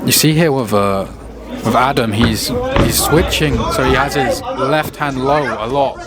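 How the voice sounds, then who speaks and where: A man's voice: medium pitch, measured pace. A man co-commentating live boxing in a casual style with short, reactive remarks. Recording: loud crowd noise throughout. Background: loud event crowd.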